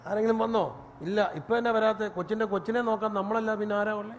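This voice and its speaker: A man preaching a sermon as pastor, telling stories with animated delivery and rising to a shout. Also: high-pitched, fast talker. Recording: long reverb, faint room noise.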